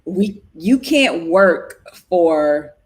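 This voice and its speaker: Lower-voiced, chatty woman co-host. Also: drawn-out words. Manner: animated, colloquial, trailing restarts. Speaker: podcast co-host. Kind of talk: casual chat.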